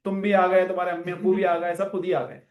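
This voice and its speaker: A man lecturing students in a classroom, animated and full of rhetorical questions. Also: high voice, fast, roomy sound. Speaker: finance lecturer.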